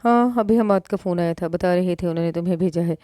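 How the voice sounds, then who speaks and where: A blunt young wife in a storybook, speaking plainly and scolding her sister without softening anything, as a woman reads her lines. The voice is low, dark and mellow, heard dry and close. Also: quick pace, dry recording, natural voice.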